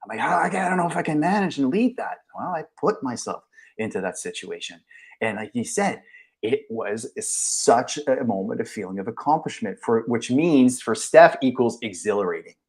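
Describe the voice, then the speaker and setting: A man in his forties hosting a podcast interview, chatty and thinking out loud with many fillers. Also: medium pitch, animated, moderate pace, vocal fry. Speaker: podcast host and leadership coach. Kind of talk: casual interview chat.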